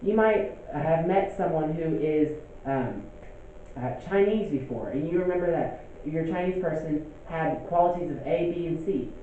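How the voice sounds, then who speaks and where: Speaking in a dark tone that still sits a bit high for a man, a young teacher delivers an informal, conversational lecture and keeps checking in with "okay?". The audio sounds thin and phone-like, with heavy echo and a faint hiss.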